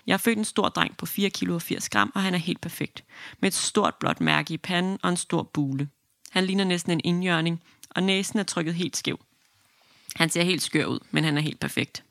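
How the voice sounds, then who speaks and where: A woman tells, in the first person, the story of her own birth. Her voice has a gravelly edge of vocal fry. The sound is dry and close, with no room around it. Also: fairly low pitch, fairly bright tone, dry recording.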